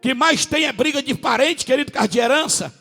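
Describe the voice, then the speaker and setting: Raspy high-voiced preacher man. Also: lively intonation, long reverb tail, faint music behind. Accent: Brazilian Portuguese, northern. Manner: preaching with sudden shouted peaks and drawn-out words. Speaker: pastor. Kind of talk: sermon.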